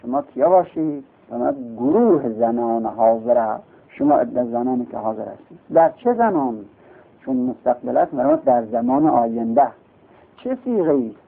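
A man's voice: mid-range voice, big pitch swings, vocal fry. A male teacher giving a classroom lecture, explaining step by step and asking and answering his own questions. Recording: tinny lo-fi recording.

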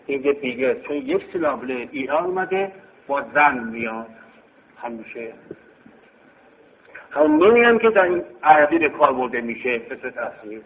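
A man's voice: medium pitch, lively intonation. Guy teaching grammar, bouncy up and down voice, sounds like a phone line in a big echoey hall. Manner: explaining step by step, repeating key phrases. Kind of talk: grammar lesson.

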